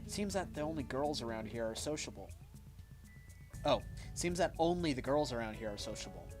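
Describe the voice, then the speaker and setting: A man's voice: medium pitch, animated, brisk, music in the background. Man casually reading game text aloud. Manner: casual, unpolished reading with self-corrections. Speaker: streamer. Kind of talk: reading a visual novel aloud.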